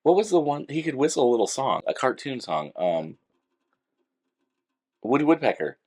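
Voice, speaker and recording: A man co-hosting a podcast, telling childhood stories in a casual, animated way with lots of laughing and acted-out quotes. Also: mid-range voice, normal speed. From California. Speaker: podcast co-host. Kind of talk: casual storytelling chat.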